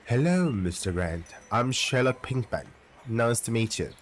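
A man voicing an aloof male detective who speaks in a low, terse and flat way. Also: a little slow, slight background noise.

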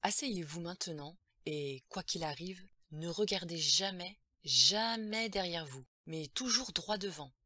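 A woman reading the part of a male priest performing an exorcism, stern and loud in a storybook audio reading. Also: high voice, measured pace, hardly any pauses, no echo, full character voice. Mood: solemn commanding.

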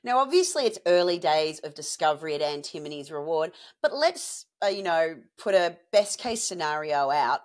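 A woman's voice: deep voice, animated, normal speed, few pauses. A woman hosting a business news interview, asking questions in an upbeat, enthusiastic way. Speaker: host.

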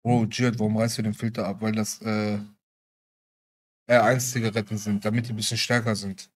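A man's voice: lowish voice, level tone, a little fast. A man chatting casually on a group livestream in short, slangy remarks.

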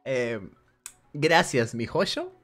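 A man's voice: mid-range voice, very animated, extremely slow, a bit bright, soft background music. A man giving casual gameplay commentary for a video game guide, thinking aloud as he plays in a chatty, conversational way.

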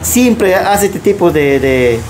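Reporter prodding with short questions. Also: male voice, high voice, very animated, takes it slowly, background noise. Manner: short prompts, frequent "ya". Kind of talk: field interview questions.

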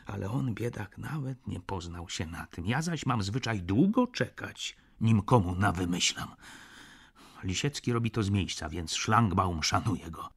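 A male audiobook narrator with a low, husky voice. He reads a first-person account in a measured, reflective way. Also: lively intonation. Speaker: audiobook reader.

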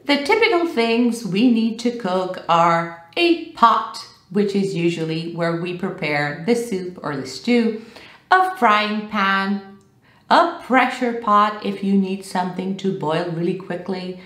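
Woman, 30s, video English teacher, animated and deliberate, roomy sound. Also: medium pitch. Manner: animated, gestures a lot while explaining. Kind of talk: video lesson explaining vocabulary. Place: small room with bookshelves, indoors.

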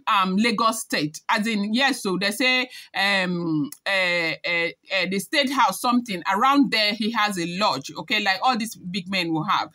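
A woman's voice: fairly high pitch, pushed and bright. A young woman sharing celebrity gossip to camera in a chatty way, often repeating that the news is only rumored. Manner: chatty, hedging with repeated disclaimers. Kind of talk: casual gossip commentary to camera.

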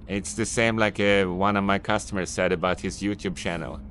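Out on a city street, a Swedish vlogger and business owner speaks directly to camera in unscripted English, his slightly low, somewhat bright voice keeping fairly even intonation at normal speed. He rambles and repeats his advice, admitting mild annoyance. Faint city ambience hums along with a little hiss.

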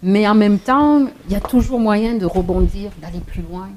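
A middle-aged woman with a French accent, telling her own story in an interview, hesitant with many restarts and quick laughs. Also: mid-range voice, darkish tone, slight background noise. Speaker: interview guest.

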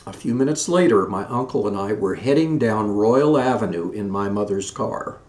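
A man in his sixties reading his own memoir aloud in a measured storytelling way. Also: on the low side, a little mellow. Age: 60s. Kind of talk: scripted narration of a memoir. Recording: roomy echoey room.

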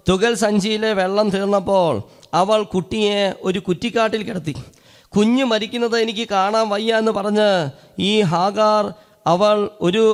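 Keralan priest preaching, high-pitched voice, tells it like a story and answers his own questions. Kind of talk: sermon.

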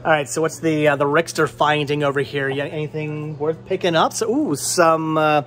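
A man in his thirties, a movie collector, hosts a casual shopping vlog inside a small, cluttered movie and game shop, joking and teasing as he talks into a handheld camera held at arm's length. His fairly high voice is steady and fairly bright, at a normal pace.

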